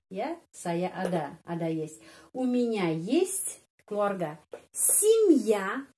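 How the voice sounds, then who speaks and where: A woman with a Russian accent teaching a language lesson, repeating words slowly and ending phrases with a questioning "ya". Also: a little high, dark tone, slight background noise. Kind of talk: slow explanatory language lesson. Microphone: speaking to a whiteboard lesson video.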